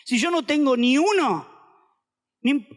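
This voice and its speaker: A man's voice: very high-pitched, lively intonation, slow pace. A man with an Argentine accent, a pastor preaching emphatically and repeating phrases for the congregation to say back. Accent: Argentine Spanish. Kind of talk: sermon. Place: auditorium. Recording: long reverb of a large hall.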